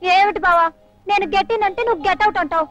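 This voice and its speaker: A woman's voice: very high voice, fairly even intonation, a little fast, lo-fi sound. A woman playing a flighty young daughter in an old film comedy, giggly and mixing in English words. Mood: teasing. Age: young adult. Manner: giggly, mixes English words, repeats a pet phrase. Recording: dry old film soundtrack with music.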